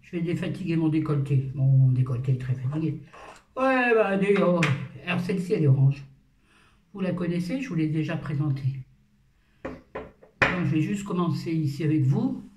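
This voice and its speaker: A woman's voice: deep voice, darkish tone. A woman in her fifties chatting casually and playfully through her skincare routine at home, with self-mocking asides. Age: 50s. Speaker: beauty vlogger. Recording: roomy echo, far from the mic.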